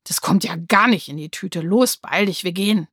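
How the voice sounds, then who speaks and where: A fiery schoolgirl from a children's storybook, bossy and challenging, impatient with anyone who backs down, voiced by a woman reading aloud. The delivery is pushy and quick-tempered in a dry, close sound. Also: fairly low pitch, fairly bright tone, slightly rough, no room sound.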